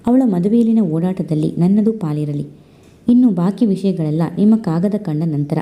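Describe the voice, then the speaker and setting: A woman reading aloud a courteous letter from a young man to an elder, in a measured storytelling voice. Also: lowish voice, mellow, natural voice. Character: young man writing a polite family letter.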